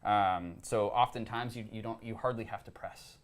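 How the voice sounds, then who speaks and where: A young man co-hosting a coffee gear show, explaining equipment in a relaxed, casual way with frequent ums and uhs. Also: lowish voice, normal speed, crowd noise. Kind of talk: casual product chat.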